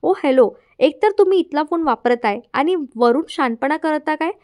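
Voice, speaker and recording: A woman reading the lines of an angry female hospital nurse, sharp and scolding. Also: high-pitched, animated, normal speed.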